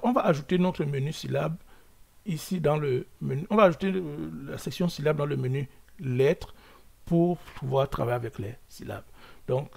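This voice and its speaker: A man hosting a coding lesson, talking slowly with many fillers and restarts, thinking aloud as he works. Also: on the high side, gravelly. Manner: thinks aloud while working. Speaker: coding tutorial host. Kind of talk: screen-recorded coding lesson.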